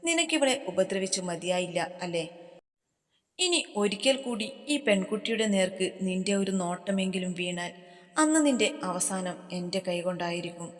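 A woman's voice: medium pitch, animated, moderate pace, big-room sound, natural voice. A woman narrator voicing a stern, protective young man in a storybook. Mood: menacing. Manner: cold, threatening.

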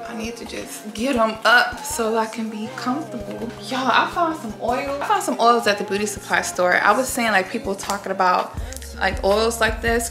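Young woman vlogger, casual rambling chat, slight vocal fry, music bed underneath. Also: fairly high pitch. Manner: chatty, rambling, self-correcting. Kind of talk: casual get-ready-with-me vlog talk. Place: bedroom at home, then a gym locker room.

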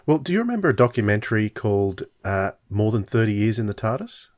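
A middle-aged man with a low, darkish, sing-song voice hosts a podcast, talking fast in a casual chat where he gives recommendations. He is indoors on a video call, using a large close microphone with a headset.

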